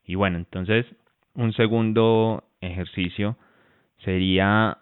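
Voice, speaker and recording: Deep-voiced man on a tinny line. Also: slow, clear, resonant tone, no room sound. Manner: relaxed, restarts phrases often. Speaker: co-host and relationship coach. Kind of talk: casual advice talk to viewers. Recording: tinny phone-like sound, dry.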